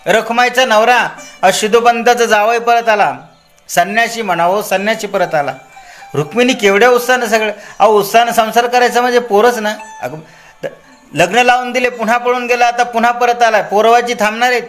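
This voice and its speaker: A man voicing excited, scornful village gossips who talk in a mocking tone. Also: extremely high pitch, a little fast, soft background music, voice pushed up.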